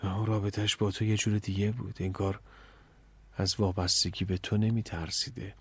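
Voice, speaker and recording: A man doing a weary, low-voiced father. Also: little pitch movement, slightly rough, dry recording. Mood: wistful. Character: weary middle-aged father, bird lover.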